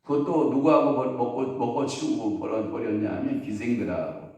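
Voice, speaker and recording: A man's voice: mid-range voice, expressive, brisk, darkish tone. A man preaching as pastor at an early-morning sermon, telling stories and putting questions to the congregation. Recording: very echoey hall, voice from a distance.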